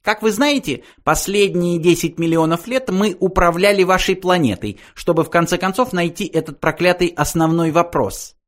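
A man squeaking as a cold, curt little mouse. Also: normal speed, few pauses, lightly acted. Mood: explaining. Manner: cold, dismissive, commanding.

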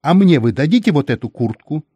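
Man putting on a shrill, greedy captive. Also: animated, fairly quick, dark tone, husky, no echo, lo-fi sound. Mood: greedy, smug. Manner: high, firm and shrill. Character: shrill boastful male native captive, greedy and smug.

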